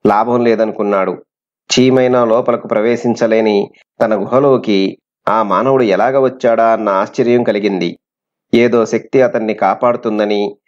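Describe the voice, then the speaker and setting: A man's voice: medium pitch, a little mellow. A man narrating a folk tale audiobook in a dramatic storytelling manner, also voicing the characters. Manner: dramatic, voices the characters' lines. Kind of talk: storybook narration with acted dialogue. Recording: dull lo-fi recording.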